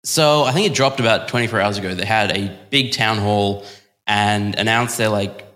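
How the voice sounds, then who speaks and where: A man co-hosting a casual podcast chat, rambling and relaxed, laughing easily. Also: lowish voice, normal speed. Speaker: podcast co-host.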